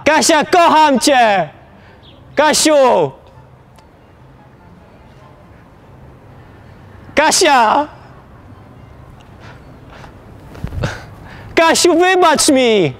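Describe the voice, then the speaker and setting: A young man stands outdoors under apartment blocks and shouts desperate pleas up at the windows. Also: very high-pitched. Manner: shouting, pleading, mock-desperate. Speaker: prank video host.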